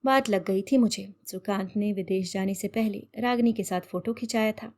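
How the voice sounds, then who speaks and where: A woman storyteller reading a short story aloud in an expressive, measured way. Her voice sits at a middling pitch. The delivery is calm and steady. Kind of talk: read-aloud story narration.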